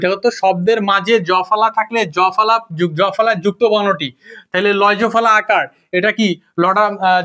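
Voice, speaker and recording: A man's voice: high-pitched, fairly bright tone. A young man teaching a casual spoken lesson, asking his students the same questions again and again. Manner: repetitive, drilling questions to students. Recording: dull lo-fi recording.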